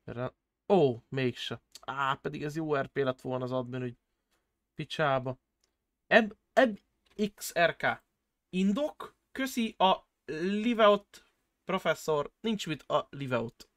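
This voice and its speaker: A man streaming a role-play game, excitable and loud, swearing constantly. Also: mid-range voice, no room sound.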